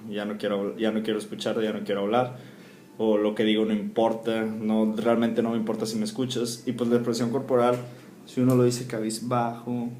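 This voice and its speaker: A man's voice: mid-range voice, a little mellow, slight background noise. A young man gives a spoken class presentation, hesitant and full of fillers and restarts. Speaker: student. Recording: echoey room, faint ambience.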